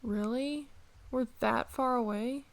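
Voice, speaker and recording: Woman acting a creaky-voiced prickly young rival, ASMR role-play. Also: fairly high pitch, takes it slowly. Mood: reluctant, grumbling. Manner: grumbling, sighing, conversational.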